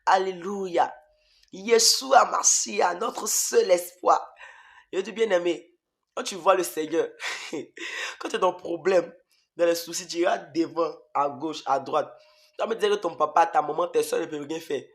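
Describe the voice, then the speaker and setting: A man's voice: on the high side, moderate pace. A man preaching an emotional testimony sermon, repeating phrases emphatically and addressing his listeners as beloved.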